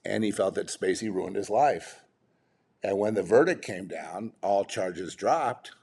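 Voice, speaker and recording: A man's voice: lowish voice, vocal fry, a little mellow, husky. A man giving off-the-cuff commentary, rambling and exasperated, full of restarts and rhetorical questions.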